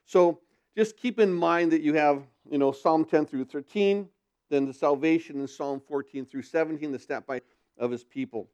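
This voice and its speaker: A man's voice: a little high, moderate pace, a little mellow, clean tone. A male pastor at a pulpit microphone, teaching a sermon and posing rhetorical questions to his congregation. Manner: asks rhetorical questions, then answers them.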